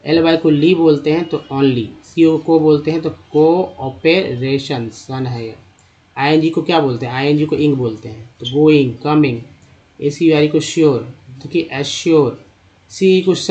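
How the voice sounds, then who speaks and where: A man teaching English reading in a phonics lesson, spelling out letters and sounding out each word part slowly. His voice sits a little high. The recording is dull and lo-fi. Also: a little mellow. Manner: addresses viewers as friends. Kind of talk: spoken Hindi phonics lesson.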